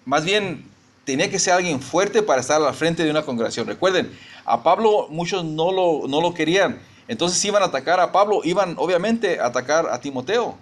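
A man's voice: on the high side, lively intonation, brisk. A middle-aged man, a pastor preaching a conversational sermon and often restarting his sentences.

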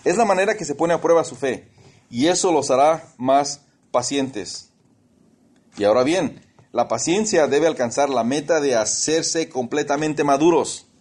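A man's voice: medium pitch, animated, measured pace, darkish tone. A man preaching a sermon, telling personal stories, calling listeners brothers and slipping English words into his talk.

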